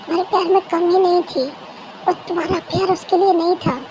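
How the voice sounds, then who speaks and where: Someone voicing a patient, caring young husband in a fan-made audio drama, soft and reassuring. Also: very high voice, flat delivery, fast, slight background noise, low-quality recording. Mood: explaining.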